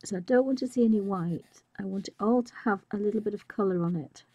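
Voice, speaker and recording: Slightly croaky with a chest infection, this female art tutor shows a colouring technique live, musing quietly and frequently trailing off into whispers. Her pitch is medium and she talks fast; the recording is muffled with no room sound.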